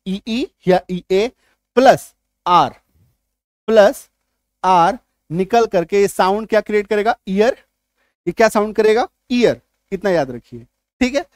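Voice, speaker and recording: A man's voice: high-pitched, animated, slow, long pauses, darkish tone, no echo, studio quality. A man teaching an English spelling and pronunciation lesson, repeating key words and quizzing the viewer.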